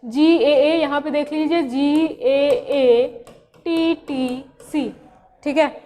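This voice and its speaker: High-voiced woman teaching biology. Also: steady tone, extremely slow, mellow, big-room sound. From India. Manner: repeats key terms and asks rhetorical questions. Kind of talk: classroom lecture explaining slides.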